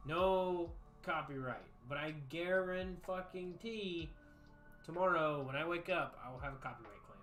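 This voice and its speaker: A man's voice: fairly high pitch, bright, forceful tone. A man hosting a casual livestream, chatting in a rambling, laid-back way and swearing freely. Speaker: livestream host. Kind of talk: casual chat while drinking. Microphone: desk USB microphone. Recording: echoey room with music behind.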